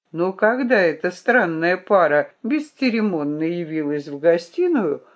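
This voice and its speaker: A woman reading a first-person audiobook narration in an expressive storytelling manner. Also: medium pitch.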